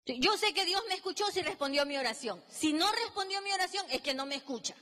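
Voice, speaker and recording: Woman preacher, high and bright, dramatic sermon delivery, long hall reverb. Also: lively intonation, a little fast. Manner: emphatic, dramatic, acts out biblical dialogue.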